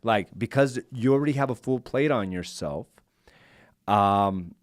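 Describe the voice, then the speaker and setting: A man with a low voice co-hosts a casual podcast, recorded dry and close in the studio. He thinks out loud, questions his own reactions and builds his point with everyday examples. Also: measured pace, no echo. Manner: reflective, self-questioning. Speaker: podcast co-host. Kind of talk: casual chat.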